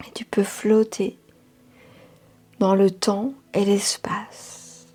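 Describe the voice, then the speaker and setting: Very slow, breathy woman guiding meditation. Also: mid-range voice, level tone. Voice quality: soft, breathy, half-whispered. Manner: soothing, drawn-out phrases with long pauses. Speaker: meditation guide. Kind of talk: slow guided hypnotic meditation. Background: music.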